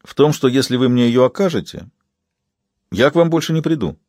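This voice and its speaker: A man voicing Angel, a calm, polite male visitor who speaks in a measured, politely pointed way in an audiobook. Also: mid-range voice, no room sound, studio quality, pitched above the performer's own voice, close to an everyday voice.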